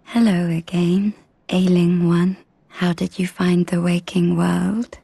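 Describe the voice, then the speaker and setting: Very slow, mellow talking doll. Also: female voice, lowish voice, level tone, full character voice. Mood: serene, eerie. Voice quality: soft whispery breathy voice. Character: quaint, solemn talking doll woman, meek and eerie. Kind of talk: video game character dialogue.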